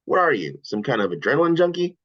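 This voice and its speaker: A performer voicing a playful, excitable, cocky teenage hedgehog in a cartoon script read. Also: mid-range voice, highs cut off. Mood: friendly teasing. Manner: chatty, cheering, quick swings between glee and disgust.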